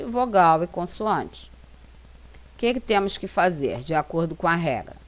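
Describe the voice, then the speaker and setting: A Brazilian woman with a Brazilian Portuguese accent teaches English, narrating a slide lesson as a voice-over. Her voice is fairly low, and she reads the example sentences slowly and with care.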